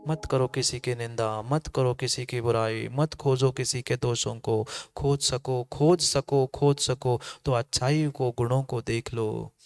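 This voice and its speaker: A man's voice: medium pitch, clear, resonant tone. A man giving a sermon as a monk, exhorting his listeners and repeating phrases for emphasis. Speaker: Jain monk giving a discourse. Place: assembly hall.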